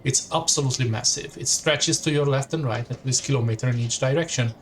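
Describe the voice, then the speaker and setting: A man streaming a story game, voicing its text in second person at an ordinary middle pitch. He reads along and breaks off now and then for a casual comment of his own. A faint hiss sits under the voice. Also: fast. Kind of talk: reading a story game aloud with asides.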